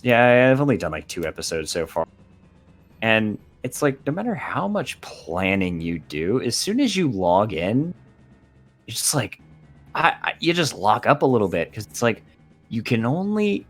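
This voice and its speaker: A man chatting casually as a podcast guest, animated and joking as he rambles through a story. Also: medium pitch, unhurried, faint music behind.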